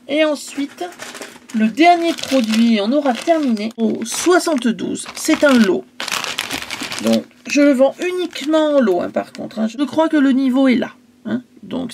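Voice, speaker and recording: A woman's voice: fairly high pitch, creaky, darkish tone, slight background noise. A woman casually selling her craft supplies in a vlog, chatty and hesitant, stumbling over English product names.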